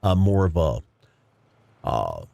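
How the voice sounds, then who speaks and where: A man's voice: extremely low pitch, wildly swooping pitch, takes it slowly, creaky, dark tone, dull audio. A man hosting a gaming livestream with casual, rambling commentary and some swearing. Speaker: livestream host playing a video game.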